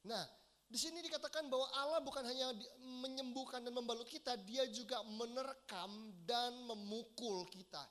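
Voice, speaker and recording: High-voiced bright male preacher. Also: normal speed. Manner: earnest, addresses congregation directly with questions. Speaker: pastor. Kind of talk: sermon. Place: large church hall.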